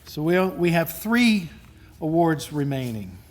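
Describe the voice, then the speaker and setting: A man presenting awards, reading each citation in a measured, formal way. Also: fairly high pitch, sing-song, slight background noise. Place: event hall at a lunch.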